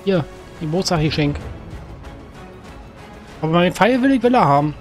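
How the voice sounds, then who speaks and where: Guy doing let's play commentary, kinda high voice, rambling, yells at npcs, light music in background. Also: moderate pace. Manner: chatty, talks to game characters, sudden excited outbursts. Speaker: gaming let's-player. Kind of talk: casual gameplay commentary. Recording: faint game music behind.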